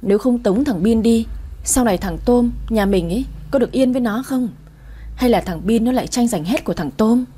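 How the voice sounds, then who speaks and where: Scheming old grandma, nagging, scornful, warm husky voice, as a woman reads her. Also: on the high side, brisk. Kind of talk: storybook reading.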